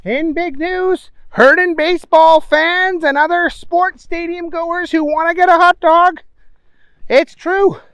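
A man voicing a perky TV newswoman reading the news in a high, bright tone. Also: fairly even intonation, takes it slowly, no echo, heavily acted. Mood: chirpy. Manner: bright, chirpy newsreader delivery. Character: perky TV newswoman, adult woman.

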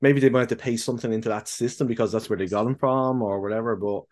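A man co-hosting a podcast, talking casually in halting bursts full of restarts and fillers, with casual swearing. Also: mid-range voice, fairly even intonation, a little mellow. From the UK and Ireland. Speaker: podcast co-host. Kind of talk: casual chat.

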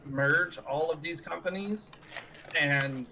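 A man's voice: on the high side, slow pace, bright, forceful tone, slight background noise, low-quality recording. A young American man bantering casually as a podcast co-host, talking like a frat bro with plenty of slang and swearing.

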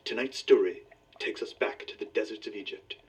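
A man's voice: fairly low pitch, fairly quick, husky, recorded from a distance. A man playing a theatrical magician detective in an old radio serial, with grand dramatic delivery. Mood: narrating. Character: heroic male stage magician detective, theatrical. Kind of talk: 1940s radio acting.

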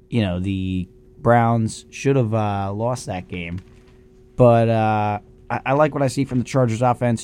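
A man co-hosting a casual sports talk show, animated and opinionated as he reasons aloud. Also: mid-range voice. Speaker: sports radio co-host.

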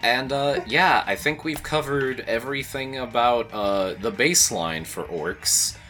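Bright-voiced, cursing podcast guy. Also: medium pitch, measured pace, faint music behind. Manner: loose, swearing, laughing. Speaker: podcast co-host. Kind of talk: casual podcast chat. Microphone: own mic, recorded separately.

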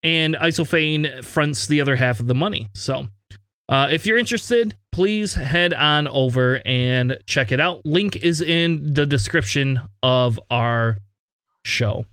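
A man's voice: fairly high pitch, unhurried, a bit bright, dry recording. Chatty podcast host man, slightly slurred. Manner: chatty, joking, swears casually. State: throat numbed, slightly slurred. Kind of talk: casual podcast chat.

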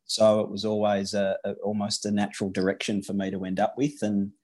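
This Western Australian corporate lawyer speaks in a lowish, level, slightly mellow voice with an Australian accent. Being interviewed for a podcast, he stumbles through his answers, full of restarts and fillers.

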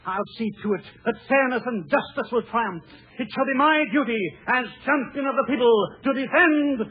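An actor playing an earnest, naive, excitable young man who exclaims a lot, in old-time radio comedy style. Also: very high voice, moderate pace, breathy edge. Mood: indignant, earnest. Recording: tinny vintage radio broadcast.

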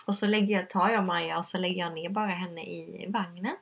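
A woman's voice: fairly low pitch, steady tone, vocal fry, husky. A woman telling a personal story in conversation, hesitant and earnest, with many fillers. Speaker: guest.

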